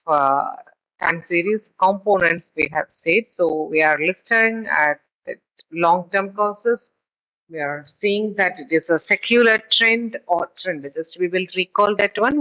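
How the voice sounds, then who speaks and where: A woman's voice: lowish voice, a bit bright, low-quality recording. A woman giving a recorded statistics lecture, reading from a text and then explaining it in her own words, with frequent fillers and restarts. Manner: halting, with many fillers and restarts.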